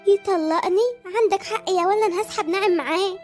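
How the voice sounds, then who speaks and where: A woman voicing a gossipy, sharp-tongued mother in an Egyptian cartoon, with an Egyptian Arabic accent. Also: extremely high pitch, brisk, soft background music. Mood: teasing.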